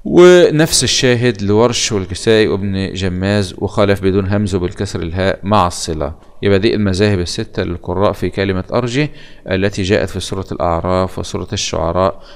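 A man with an Egyptian accent teaching a lesson on Quranic readings, explaining in colloquial speech and chanting verse quotations slowly. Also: on the low side, clean tone.

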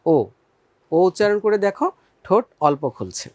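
A man gives a recorded school lesson in a fairly high voice, pausing to pose questions and then answer them. He draws out each vowel slowly so students can copy him. The sound is dry and close, with no room echo. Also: expressive. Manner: patient, addresses students as friends, asks and answers own questions. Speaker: teacher.

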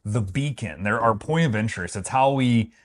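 Here a man with a medium-pitched, expressive voice talks at a moderate pace. As co-host of a travel vlog, he offers his opinions in relaxed, review-style chat, with a wry, playful tone and tongue-in-cheek grandeur.

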